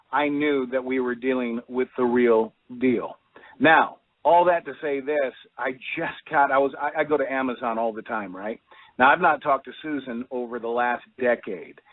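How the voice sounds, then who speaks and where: A man's voice: medium pitch, no room sound. A man, a guest author, telling a personal story in a radio call-in interview, acting out the quoted voices. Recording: thin phone-line sound.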